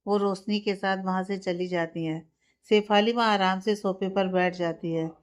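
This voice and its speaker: Brief: woman storyteller, calm scripted narration, smooth resonant voice, mid pitch. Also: normal speed.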